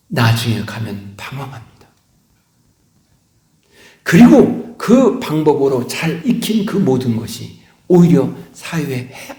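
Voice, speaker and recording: A middle-aged male pastor preaching a sermon, swinging between loud emphasis and hushed whispers. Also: medium pitch. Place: church sanctuary. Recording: echoey church hall.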